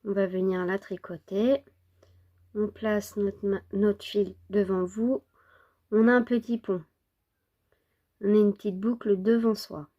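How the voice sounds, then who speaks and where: A woman who is a little sick, giving an informal knitting tutorial step by step in an unhurried way. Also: medium pitch, fairly even intonation, warm tone, muffled recording. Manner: unhurried, counting and repeating steps. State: slightly sick, under the weather with a cough.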